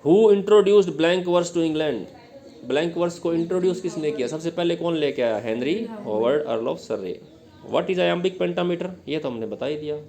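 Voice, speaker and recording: A man's voice: on the high side, unhurried, warm tone. A male teacher giving an exam-prep lecture, explaining step by step and drilling his students with questions. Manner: explains step by step, often checks with "ठीक है?".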